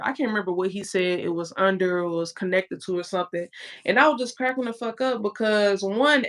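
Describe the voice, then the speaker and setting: A woman co-hosting a casual podcast chat, telling stories in a laid-back, profane, slangy way. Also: medium pitch. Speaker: co-host.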